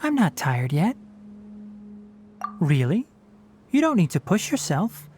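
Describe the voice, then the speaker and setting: An actor playing a young, sensible forest ranger in a video game, articulate and instructive with a gently stern manner. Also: male voice, high-pitched, big pitch swings, takes it slowly, a little hiss or hum, full character voice. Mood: gently concerned. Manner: articulate, instructive, matter-of-fact.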